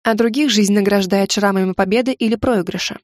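A woman's voice: medium pitch, fairly quick, no room sound, clean studio sound, lightly acted. A woman reader voicing a proud young witch heroine who talks in a sarcastic, snappy way, in an audiobook.

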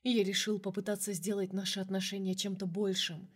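A remorseful young man pleads softly and earnestly in an audiobook, read by a woman. His tone is tender and low-key, sitting at a middle pitch with no strain. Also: little pitch movement, fairly quick, husky, lightly acted. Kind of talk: audiobook character reading.

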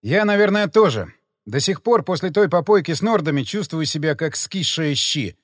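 A man's voice: a little high, lively intonation, moderate pace, dry recording. A man voicing a tired, wry young man who sighs through his words, in a dry close recording. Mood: weary, wry. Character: weary, lovesick, hungover young man.

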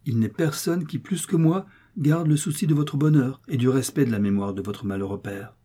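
A man's voice: mid-range voice, moderate pace, mellow, husky, close to an everyday voice. A man reading an audiobook voices an older notary who answers in a soothing, paternal tone while refusing to give way. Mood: kindly. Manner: soothing then firmly refusing. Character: older male notary, smooth and evasive.

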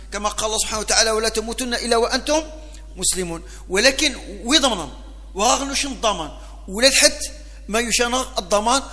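A man's voice: very high-pitched, bright, forceful tone. A man with a North African accent teaching a religious lesson as a mosque preacher, switching between Arabic and local vernacular. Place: large mosque hall. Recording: long hall reverb.

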